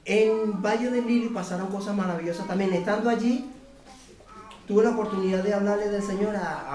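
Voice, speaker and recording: A man giving an earnest, fervent testimony to a church congregation. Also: on the high side. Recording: echoey hall, voice from far off the mic.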